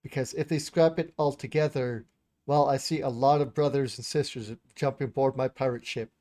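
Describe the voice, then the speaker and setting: A man's voice: mid-range voice, steady tone, normal speed, dark tone. A man co-hosting a podcast, casually going over anime news, hesitant and informal, often laughing. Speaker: podcast co-host.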